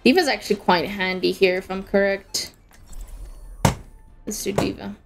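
A woman's voice: mid-range voice, unhurried, creaky, over music. A young woman streaming a game, chatting casually and giggling as she reacts to the match and her chat.

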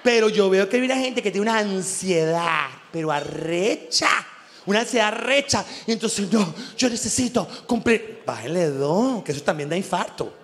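A man with a Venezuelan accent doing an animated, crude stand-up comedy monologue, acting out little voices as he goes. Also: high voice, moderate pace. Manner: animated, crude, laughs often, acts out voices. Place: live show venue.

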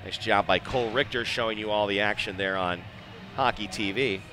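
An American man with a fairly low pitch and fairly even intonation calls live hockey fairly quickly, keeping his phrases short, clipped, and conversational. Clear background noise from the live arena broadcast is audible.

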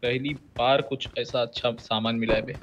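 A man's voice: mid-range voice, fairly even intonation, normal speed, highs cut off, background noise. A man playing alongside the streamer, bantering and teasing his teammate in casual chat. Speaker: co-player on stream.

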